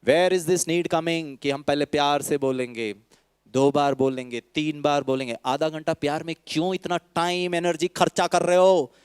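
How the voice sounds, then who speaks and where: A man with an Indian accent gives a spiritual talk to an audience, slipping between Hindi and English. His voice is smooth, resonant and fairly high for a man, recorded close and dry. He teases with rhetorical questions and briefly acts out the people he quotes. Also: steady tone, moderate pace, no room sound. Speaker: spiritual speaker.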